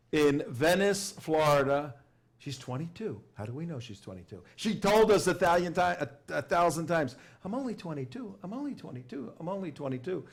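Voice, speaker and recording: Man, talk radio host, emphatic, sarcastic, repeats himself. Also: mid-range voice. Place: radio studio.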